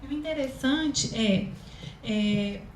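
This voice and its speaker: A woman with a Brazilian Portuguese accent and a very high, thin voice gives a chatty talk as a communication consultant, with many fillers. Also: takes it slowly. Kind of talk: public talk to an audience. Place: event hall, live audience. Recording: echoey room, faint ambient noise.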